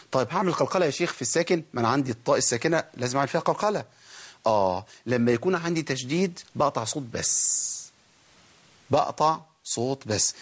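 A man's voice: mid-range voice, slightly rough. A man with an Egyptian Arabic accent teaching Quran recitation, explaining each rule and asking and answering his own questions. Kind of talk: tajweed lesson.

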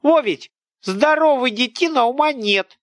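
A male reader voicing a shrill, superstitious older peasant woman who scolds and nags in coarse rustic speech. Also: animated, unhurried, a bit bright, dry recording, studio quality, heavily acted. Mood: scolding.

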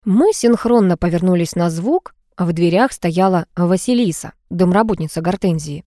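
A woman reading a detective novel aloud as audiobook narrator, in even, clear storytelling. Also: fairly low pitch, moderate pace, dry recording, studio quality.

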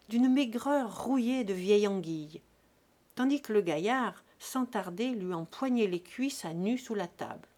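A woman reading a classic novel aloud as an audiobook narrator, in a measured, expressive way. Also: mid-range voice. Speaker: audiobook reader.

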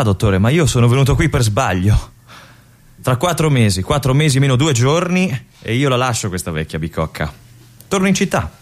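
A male actor with a mid-range voice performs a theatrical radio monologue as a restless young army lieutenant. He broods and confides in halting asides.

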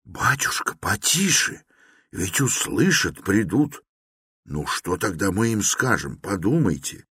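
A man's voice: low-pitched, animated, slow, fairly bright tone, breathy edge, no echo, clean studio sound, exaggerated voice. A man putting on a fawning, fussy old investigator. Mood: whispering, fussing. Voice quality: obsequious, clucking, adds polite "-s" to words. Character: fussy, fawning middle-aged male police investigator.

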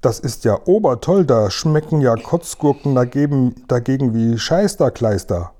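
Ein Mann, der einen riesigen, freundlichen, kindlichen Riesen spricht, der laut und aufgeregt die Wörter verdreht. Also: male voice, mid-range voice, normal speed, natural voice. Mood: excited. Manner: loud, excited, word-mangling. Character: huge friendly male giant, childlike, mangles words.

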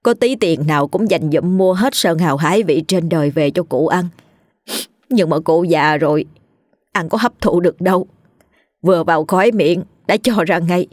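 A storyteller voicing a scheming middle-aged village wife who sneers at her husband and fakes loud wailing for her dead mother-in-law. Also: mid-range voice, normal speed, no room sound, studio quality, natural voice. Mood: whining. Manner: sneering, then theatrically wailing.

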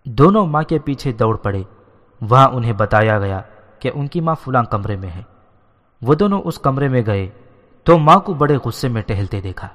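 A man's voice: mid-range voice, expressive, fairly bright tone. A man steadily reading a historical novel aloud as narrator. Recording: long hall reverb.

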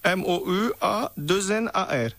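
A man's voice: sits high, measured pace, gravelly, a bit bright, no echo, pitched above the performer's own voice, full character voice. A man putting on a fake foreign accent and broken French, playing a dictator's valet in a prank phone call. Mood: pushy. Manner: broken French, pushy, unbothered.

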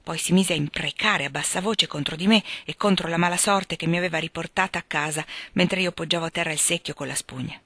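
A woman narrating a classic novel in first person, calm and measured, close to the microphone. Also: on the low side, no room sound. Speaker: audiobook reader. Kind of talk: literary audiobook narration.

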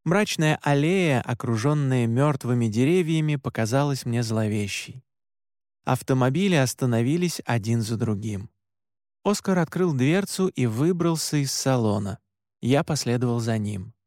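A man reading a first-person story aloud as an audiobook narrator, in an even, measured way. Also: medium pitch, no echo, studio quality.

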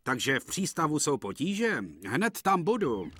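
A man's voice: a little high, very animated, fairly bright tone, husky, voice pushed up, exaggerated voice. A man doing a stern stout railway boss. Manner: firm, authoritative. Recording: broadcast dub with music behind.

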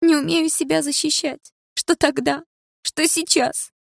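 A woman reading an audiobook, voicing a sharp-tongued but vulnerable teenage girl in a raised, higher voice. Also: brisk, dry recording, clean studio sound, natural voice. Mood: hurt. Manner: raised higher voice, snappish retorts.

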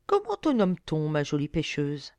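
A woman's voice: low voice, wildly swooping pitch, moderate pace, a little mellow, dry recording. A woman reading aloud, voicing a brooding young nobleman who sounds bitter and resigned.

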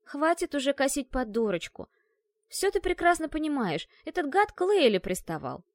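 Woman doing a shrill furious young inventor. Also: very animated, moderate pace, no room sound, clean studio sound. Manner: shrill, indignant outbursts. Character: hot-tempered young woman inventor, indignant, sharp.

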